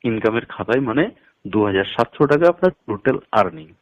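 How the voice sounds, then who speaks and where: Here the promoter talks fast and expressively in a fairly low voice, instructing a prospect on the business plan one step at a time and leaning hard on the numbers. It's a phone call with dull, lo-fi sound.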